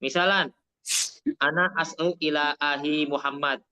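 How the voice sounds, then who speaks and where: A man from Indonesia with a Javanese accent, teaching Arabic in an online class, mixing Arabic and Indonesian and repeating things slowly to explain. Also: fairly high pitch, steady tone, bright, forceful tone, smooth, dull audio.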